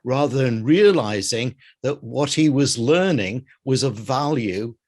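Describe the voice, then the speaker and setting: A man hosting an interview, agreeable and supportive, telling a story with halting restarts. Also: medium pitch, animated, darkish tone. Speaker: host. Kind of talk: casual interview chat.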